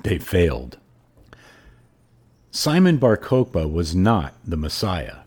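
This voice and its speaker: A man hosting a podcast and reading aloud in a hoarse, froggy voice. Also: deep voice, wildly swooping pitch, slow pace, darkish tone. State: hoarse throat. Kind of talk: audiobook-style reading and podcast sign-off.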